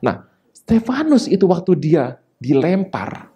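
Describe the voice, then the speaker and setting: A man preaching a sermon, talking in a lively way with sudden high emphatic rises and quick asides. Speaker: pastor.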